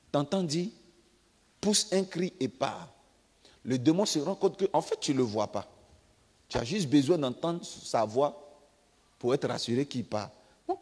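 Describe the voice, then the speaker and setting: A male pastor with an Ivorian French accent preaching a sermon, swinging between loud emphatic outbursts and quiet asides. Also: medium pitch. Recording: long reverb of a church hall.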